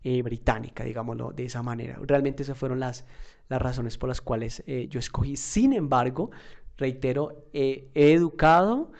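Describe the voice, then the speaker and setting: Mellow-voiced man teaching a lesson. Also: medium pitch, moderate pace, creaky. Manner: conversational, repeats himself, many fillers; asks the listener questions. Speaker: English teacher. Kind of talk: online lesson.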